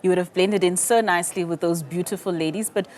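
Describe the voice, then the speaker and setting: A woman with a fairly low voice anchors live news. She speaks conversationally, with light banter as she hands over. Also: fairly even intonation, fast talker, a little mellow.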